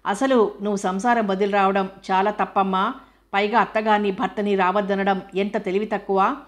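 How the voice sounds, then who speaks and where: Brief: an older father, sorrowful and admonishing, spoken by a woman narrator, even and flat in tone. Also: mid-range voice, normal speed, close to an everyday voice. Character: worried older father gently scolding his daughter.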